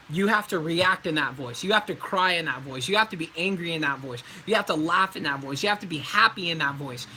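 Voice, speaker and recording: A man's voice: sits high, pushed and bright, slight background noise, poor audio. A man who is a voice actor, answering viewer questions on his livestream in a casual, rambling way with frequent ums and likes.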